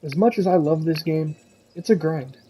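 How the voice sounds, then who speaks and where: A man's voice: on the high side, normal speed, dark tone, a little hiss or hum, poor audio. A young man talking casually and frankly to his viewers, rambling a little and cursing now and then. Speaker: gaming commentator. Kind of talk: casual solo talk to viewers.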